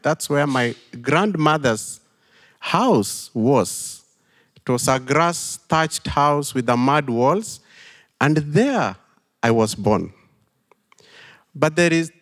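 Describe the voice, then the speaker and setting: A middle-aged pastor from western Kenya, with a Kenyan accent, telling a story in an unhurried sermon with thoughtful pauses. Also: male voice, fairly high pitch. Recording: long hall reverb.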